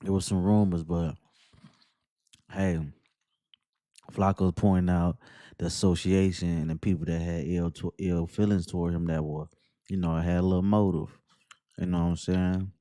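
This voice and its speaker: Man, very deep voice, dark tone, flat delivery, rambling casual commentary. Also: normal speed, pauses often, dry recording, clean studio sound. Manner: laid-back, rambling, laughs at guests. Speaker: commentary host.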